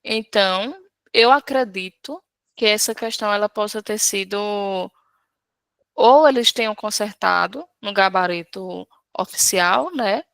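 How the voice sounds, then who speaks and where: A woman's voice: medium pitch, a little slow, gravelly, a bit bright, no room sound. A woman teaching Portuguese in a live class, patiently walking through an exam question and checking in with her students. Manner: patient, explains step by step, checks in often with "certo?".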